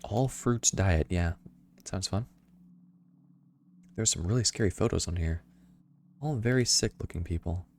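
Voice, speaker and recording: A man streaming a video game, reading clues aloud and making wry, deadpan quips. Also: low-pitched, measured pace, pauses often, slight background noise. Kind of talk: casual gameplay commentary.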